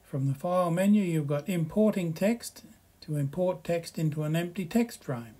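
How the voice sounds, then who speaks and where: A man with a somewhat higher-pitched voice talks through a software slideshow tutorial. He reads the slides aloud in a relaxed, explanatory way and adds friendly asides. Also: normal speed, slightly rough.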